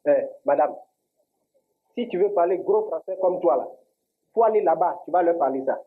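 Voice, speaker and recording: A man's voice: a little high, expressive, normal speed. A man with an Ivorian French accent playing a stubborn shopkeeper in a comedy sketch, defensive. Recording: tinny lo-fi audio.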